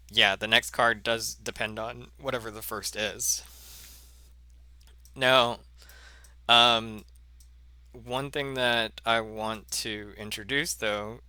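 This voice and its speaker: A man teaching a math lesson in a slow, halting way, full of fillers and self-corrections. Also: lowish voice, sharp tone, smooth, dry recording. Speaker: math instructor. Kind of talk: recorded lecture.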